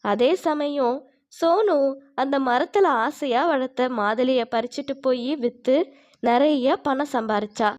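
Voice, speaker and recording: Woman storybook narrator, fairly high voice, calm and even. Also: a little slow.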